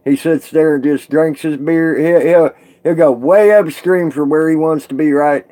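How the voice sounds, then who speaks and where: A man's voice: fairly high pitch, normal speed, warm tone. A man chatting casually on a live stream with viewers, rambling and folksy, laughing often.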